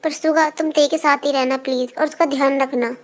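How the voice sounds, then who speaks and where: A woman voicing a gentle, caring young wife in a fan-made dub. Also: high-pitched, fairly even intonation, a little fast, pitched below the performer's own voice, close to an everyday voice. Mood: firm. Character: caring elder-sister type young wife.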